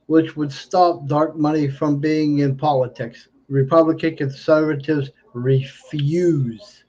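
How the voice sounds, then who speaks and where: A man talks off the cuff about politics on a livestream, his words slightly slurred from having no teeth. His voice sits a little high and has a dark, mellow tone. He hammers points by repeating them, and the audio is dull and lo-fi. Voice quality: toothless, slightly slurred speech, learning to talk without teeth. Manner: emphatic, repeats phrases. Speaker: livestreamer giving political commentary. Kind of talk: unscripted political monologue.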